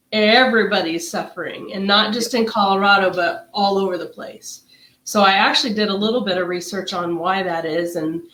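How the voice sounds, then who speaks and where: A middle-aged woman with a mid-range, slightly bright voice sounds nasal and stuffed up. She co-hosts a casual wellness livestream, chatting and rambling with plenty of fillers. The room is echoey.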